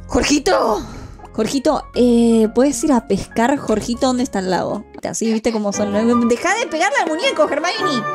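A young Argentine woman with a high, bouncy voice chatters through a life-sim game, playful and quick to jump into silly voices. Her pitch swings widely from line to line, and game music plays clearly underneath. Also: a little mellow. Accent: Argentine Rioplatense Spanish. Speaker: gaming video host. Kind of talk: casual gameplay commentary.

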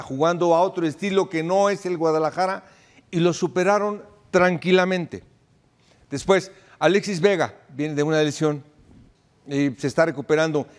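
An older man with a Mexican accent, a soccer pundit arguing emphatically in a studio debate. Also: a little high. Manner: emphatic, laughs while pleading.

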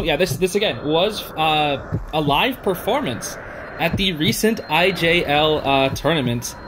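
With music in a noisy background, a young adult gaming reaction host offers casual commentary in a mid-range voice, gushing in slangy exclamations. The audio comes from a makeshift travel setup used for home recording.

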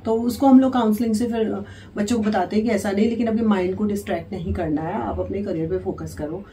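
A woman's voice: mid-range voice, fairly even intonation, fast, dark tone. A woman doctor and health officer answering interview questions, explaining patiently with frequent hesitations. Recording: distant mic with faint noise.

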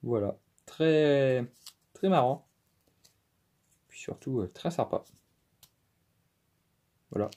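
A man's voice: medium pitch, expressive, extremely slow, long pauses, warm tone. A man hosting a casual unboxing vlog, thinking aloud and counting hesitantly. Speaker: toy-unboxing YouTuber.

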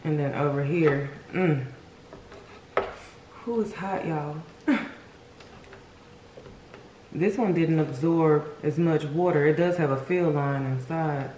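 A woman's voice: deep voice, takes it slowly, pauses often. Woman chatting while eating, roomy echo. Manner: eating while talking, with savouring mm sounds. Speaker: mukbang host. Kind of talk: casual food-tasting chat to viewers. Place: indoor room at home, seated at a table. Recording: roomy echo with background noise.

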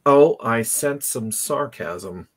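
A man's voice: mid-range voice, lively intonation, slow, fairly bright tone. A man hosting a live online show, chatting casually and greeting viewers by name. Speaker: podcast host. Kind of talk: casual live-stream chat.

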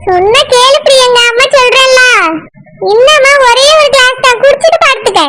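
A woman's voice: moderate pace, bright, forceful tone. A woman voicing an insistent, scheming middle-aged village mother in a cartoon, with a Tirunelveli Tamil accent. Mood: coaxing. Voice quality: very high, squeaky cartoon voice. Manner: coaxing, insistent. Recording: clear background noise.

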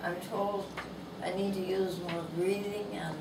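Reading from her own book in a bookstore, a woman in her nineties from Canada goes through a humorous essay slowly, gently and with amusement. Her thin, mid-range voice is not strong and keeps a level tone. She wears a lapel mic but is filmed from across the room, so the shop sounds echoey and distant, with background noise.

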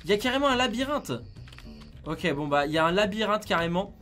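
A man giving casual, excitable commentary on a video game, chatting to his viewers like friends. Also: high-pitched, fast, soft background music. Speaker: gaming YouTuber.

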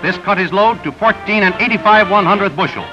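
A man reading scripted newsreel narration in a brisk announcer delivery, heard through an old 1930s newsreel soundtrack. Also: high-pitched. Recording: dull lo-fi 1930s newsreel with music. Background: music bed.

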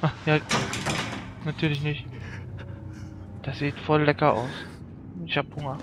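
A man's voice: fairly high pitch, flat delivery, unhurried, lo-fi sound, very noisy. Jokey man commenting on a horror game. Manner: jokey, self-mocking running commentary; yelps and shouts when startled. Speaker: let's play gamer. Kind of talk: let's play commentary.

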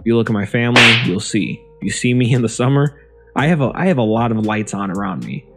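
A young man vlogging casually from a small room at home, talking into a desk microphone in front of a green screen, chatty and relaxed, often repeating himself and saying um. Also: medium pitch, brisk, gravelly, over loud music. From Ohio, USA. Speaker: YouTube vlogger. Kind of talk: casual vlog talk. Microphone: desk microphone near the face.

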